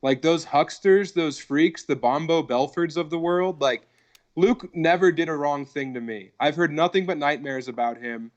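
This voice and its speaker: This man's voice sits on the high side and moves at normal speed, though the recording is muffled. A comedian in his thirties from Colorado, he's guesting on a podcast over video call, casually rambling and cursing with plenty of "like" and "dude."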